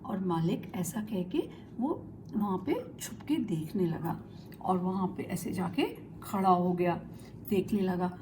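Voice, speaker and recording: A woman narrating a children's story in a simple, lively storytelling way. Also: fairly low pitch, slow pace, noisy background.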